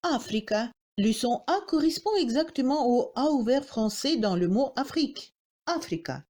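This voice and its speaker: A woman's voice: high-pitched, expressive, dark tone. A woman with a Russian accent, a native Russian speaker, giving a scripted pronunciation lesson and sounding out example words carefully. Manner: slow, careful, articulating example words one by one. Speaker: language teacher.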